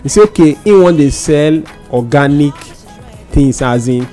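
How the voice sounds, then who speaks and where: A man's voice: a little high, measured pace, mellow. A man with a Nigerian accent telling anecdotes in Nigerian Pidgin as a guest in a casual radio chat. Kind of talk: animated storytelling in casual radio talk. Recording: music bed under the voice.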